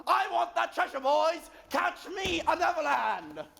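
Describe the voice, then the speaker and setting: A brash pirate captain on stage, very high-pitched and gravelly. Bossy, mocking orders are barked out theatrically over prominent music. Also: moderate pace. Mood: brash, commanding.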